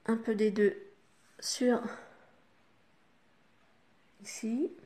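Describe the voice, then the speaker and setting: Une femme francophone au ton bavard, qui explique pas à pas son maquillage aux spectatrices avec beaucoup de « hop » et « voilà ». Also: female voice, a little high, steady tone, very slow, warm tone. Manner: chatty, talks the viewer through each step with fillers like "hop" and "voilà". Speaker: makeup vlogger. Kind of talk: casual makeup tutorial.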